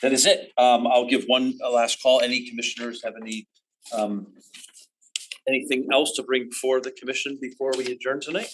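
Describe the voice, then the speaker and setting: A man chairing a town commission meeting, reading public comments with many pauses and filler words. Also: mid-range voice, steady tone, slight background noise, rough recording. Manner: halting, many ums and restarts.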